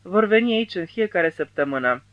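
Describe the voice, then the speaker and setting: A male narrator voicing a caring, resourceful wife in an audiobook, speaking gently and affectionately. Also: high voice, animated, no room sound, highs cut off, pitched above the performer's own voice.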